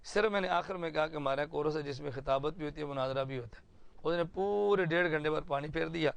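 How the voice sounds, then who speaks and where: A man's voice: fairly high pitch, creaky, clean tone. A man, an Islamic cleric, gives an earnest, explanatory address to supporters at an indoor planning meeting and illustrates his points with stories.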